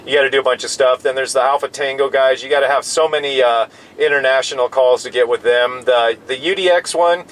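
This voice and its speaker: Here a man in his fifties from America talks over a CB radio inside his pickup truck, loosely rambling as he explains things. He speaks a little fast at a medium pitch with fairly even intonation; the recording is rough, with clear noise around him in the vehicle.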